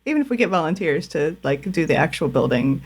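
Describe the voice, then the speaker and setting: A woman's voice: low voice, big pitch swings, quick pace, breathy edge, voice pushed down, exaggerated voice. A woman voicing a young nature preserve intern who rambles and hesitates, with plenty of fillers and restarts, in a tabletop role-play.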